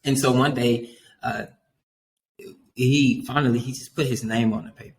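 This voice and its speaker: A man as a youth worker guest on a podcast, talking in an earnest, animated way and often dropping "man" into his sentences. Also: mid-range voice, normal speed, a little hiss or hum, rough recording. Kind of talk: casual podcast interview.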